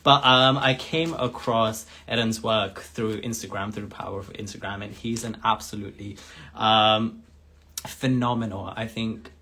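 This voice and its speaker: A man's voice: fairly low pitch, steady tone, normal speed, bright, forceful tone. A man hosting a casual live-stream interview, chatty and effusive, repeating his welcomes. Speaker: host.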